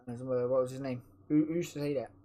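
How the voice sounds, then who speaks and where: A man with a croaky, sore-throated voice, chatting casually as host of a racing league stream and talking to himself while he sets things up. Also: medium pitch, steady tone, a little fast, dark tone. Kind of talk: casual live-stream race commentary.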